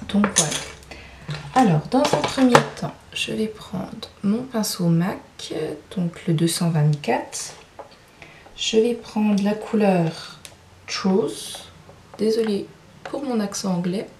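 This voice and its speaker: A woman's voice: mid-range voice, expressive, takes it slowly, darkish tone, a little hiss or hum. Chatty French woman in a roomy space. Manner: chatty, hesitant with frequent fillers. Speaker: beauty vlogger. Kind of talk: makeup tutorial narration. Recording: roomy sound, mic at a distance.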